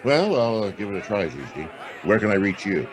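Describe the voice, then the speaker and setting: An actor playing Philip Marlowe, a world-weary private detective, in a wry, laconic noir radio drama style. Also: male voice, fairly low pitch, big pitch swings, a little fast, some chatter behind. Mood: businesslike.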